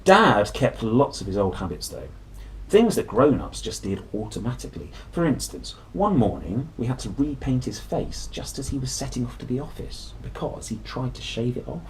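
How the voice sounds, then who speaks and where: The audio is poor, with a slight hiss or hum, as a man reads a children's story with lively, playful expression and dramatic stress. His voice is mid-range and somewhat dark.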